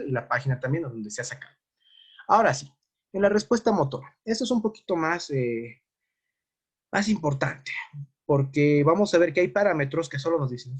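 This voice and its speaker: A man teaching a first-aid lesson, walking through examples and asking his class questions as he goes. His voice is somewhat husky and pitched fairly high for a man. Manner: explains with worked examples, asks the class rhetorical questions. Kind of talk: classroom lecture.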